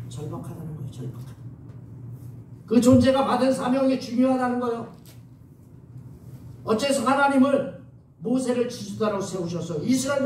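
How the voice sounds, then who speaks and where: A man preaching a sermon as pastor, lively and coaxing his congregation to respond. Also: high voice. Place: church sanctuary. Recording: echoey church hall from far off, faint noise.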